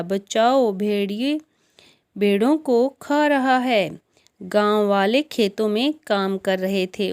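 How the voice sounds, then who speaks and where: Woman storyteller, measured, unhurried, mid-range voice, children's moral tale. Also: mid-range voice. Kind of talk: storybook narration.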